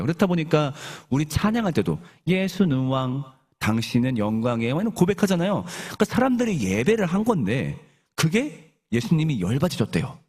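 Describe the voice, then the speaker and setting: A man's voice: a little high, darkish tone, slightly rough. A male pastor preaching a sermon in a conversational, storytelling way, often asking the congregation questions and leading them in reading scripture aloud together. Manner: questions the congregation and leads group Bible reading.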